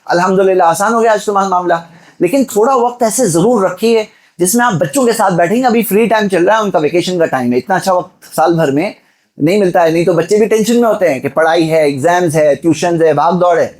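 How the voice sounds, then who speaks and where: Exhorting preacher, man. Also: sits high. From Mumbai, India. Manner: exhorting, with rhetorical questions and direct address to the listeners. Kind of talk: Friday sermon.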